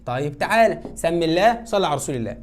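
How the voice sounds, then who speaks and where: A woman's voice: low-pitched, animated, very fast, a little mellow. Egyptian woman teacher, drilling a grammar lesson with coaxing repeated cues. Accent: Egyptian Arabic. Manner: coaxing, repeats cues and answers her own questions. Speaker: English teacher.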